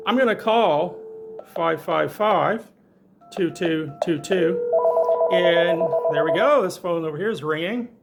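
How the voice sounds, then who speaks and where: A man whose voice is pitched slightly above average leads a hands-on technical demonstration, explaining gear to viewers informally and enthusiastically as a tutorial presenter. He speaks slowly in a gravelly voice over loud music.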